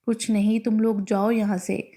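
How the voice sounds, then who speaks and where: A woman narrator voicing a distraught, quick-tempered young bride-to-be who pleads and snaps, in a storybook reading. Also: medium pitch, flat delivery, mellow, close to an everyday voice. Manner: pleading and snappish.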